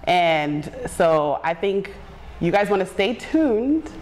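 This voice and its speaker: Animated woman co-host. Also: lowish voice, takes it slowly. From Zimbabwe. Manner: animated, laughs often. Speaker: talk show co-host. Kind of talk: casual chat. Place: bright living-room studio set.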